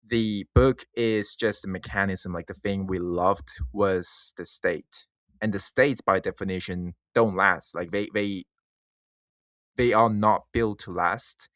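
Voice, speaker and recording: A man giving an informal reflective monologue as a video creator, thinking aloud in halting phrases with false starts. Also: sits low, steady tone, a bit bright, no room sound.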